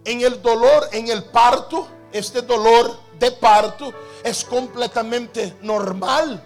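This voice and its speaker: A pastor preaching a sermon, asking repeated rhetorical questions and slowing down to stress key phrases. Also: male voice, very high-pitched, soft background music.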